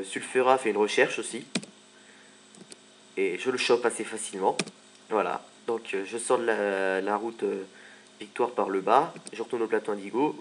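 A man giving casual gameplay commentary, chatty and joking as he plays. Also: mid-range voice. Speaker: let's play commentator.

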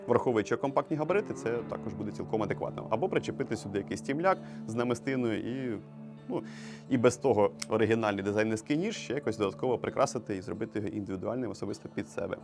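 A man's voice: lowish voice, rapid-fire, gravelly, over music. A man with a Ukrainian accent hosting a casual knife review show, talking in a chatty, joking way. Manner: chatty, joking, enthusiastic about knives.

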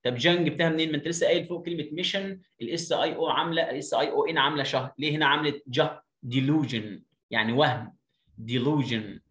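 A man with an Egyptian Arabic accent giving an online phonics lesson. He counts aloud slowly, then drills each word by repeating it. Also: on the high side, a bit bright, echoey room. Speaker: phonics teacher.

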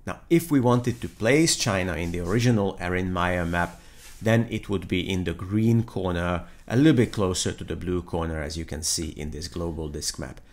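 Give me a man in his fifties with a fairly low voice, calmly explaining business culture to camera from home. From Hungary. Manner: measured, explanatory, gestures with hands. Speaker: intercultural leadership trainer. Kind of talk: lecture to camera. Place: living room with brick wall.

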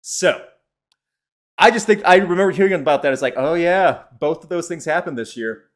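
A man hosts a live-streamed podcast, speaking chatty and opinionated and answering the chat as he goes. His voice is fairly high-pitched, at a moderate pace.

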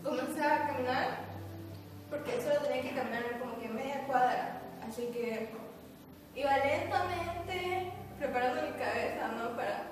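A young woman with a Bolivian accent telling a slow, wistful stage monologue. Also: sits high. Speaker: acting student. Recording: echoey hall, far from mic, music behind.

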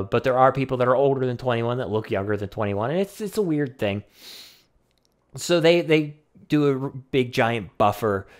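Young man, mid-pitched, rambling, wry, filler-heavy casual vlog talk. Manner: rambling and wry, with frequent fillers and mild swearing. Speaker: vlogger.

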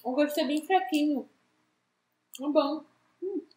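A woman's voice: high voice, a little slow, warm tone. A woman with a Brazilian Portuguese accent giving candid reactions as she talks while chewing candy in a casual taste test. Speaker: snack taste-tester. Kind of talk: casual chat. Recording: roomy echo, faint background hum.

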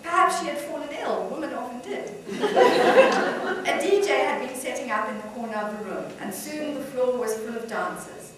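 A woman novelist reads from her own book in a fairly high voice, amused and easy in her delivery. Strong echo fills the room, and the mic sits far from her. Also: animated, brisk, over a noisy crowd. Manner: warm, amused, with light laughter between passages. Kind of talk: author reading from her novel.

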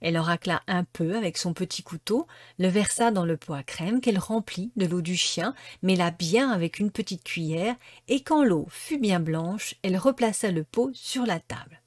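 A woman reading a classic storybook aloud with expressive, lively narration. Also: fairly low pitch, normal speed, no room sound. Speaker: storybook reader.

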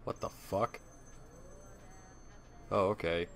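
Deep-voiced joking gaming host. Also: male voice, fairly even intonation, slow, music in the background. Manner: joking, profane, offhand. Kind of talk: casual let's-play commentary.

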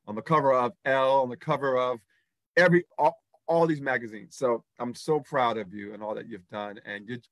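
A middle-aged talk show host interviews someone over a video call from indoors in front of a backdrop. His medium-pitched, fairly bright voice is effusive; he laughs and repeats his praise, in a dry recording.

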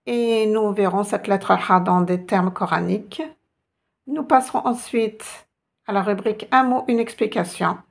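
A woman teaching an online language lesson, slow and patient, often repeating sounds for her students. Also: mid-range voice, vocal fry. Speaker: Arabic teacher.

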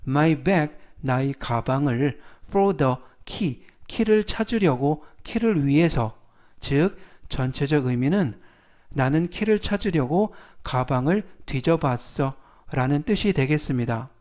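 A man teaching English vocabulary in a formal, polite manner, saying each word slowly and repeating it. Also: on the high side, animated, darkish tone. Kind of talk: slow, scripted vocabulary lesson.

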